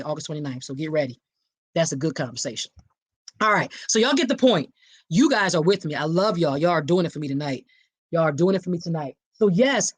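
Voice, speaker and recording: A woman's voice: fairly low pitch, dry recording. A middle-aged woman from Philadelphia with a Philly accent, hosting a book discussion podcast and speaking emphatically, straight to her listeners. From Philadelphia, USA. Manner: animated, talks directly to listeners, emphatic. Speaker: podcast host.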